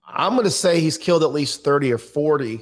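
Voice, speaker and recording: A middle-aged American man speaks a little fast in a high-ish, expressive voice, blunt and matter-of-fact. He's a true-crime interviewer and author appearing as a podcast guest in a conversational interview. He's on a video call from an indoor room, using a boom-arm mic.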